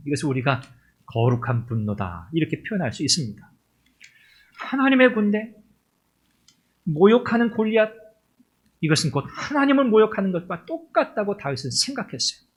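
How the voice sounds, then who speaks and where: A male pastor delivering an impassioned sermon in a high, husky voice. His pitch leaps and falls as he preaches, and he acts out the words of the biblical figures he quotes. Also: lively intonation, normal speed.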